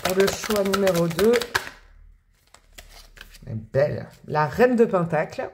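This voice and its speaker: A woman's voice: lowish voice, lively intonation, a little slow, background noise. A woman from France hosting a casual tarot reading, chatty and bubbly with slangy, affectionate talk. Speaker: tarot reader and channel host.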